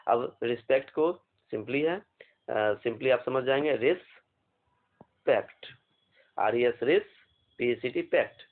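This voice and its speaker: A man teaching an exam vocabulary lesson, slowly spelling out words letter by letter and asking questions. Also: medium pitch. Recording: phone-like narrow band.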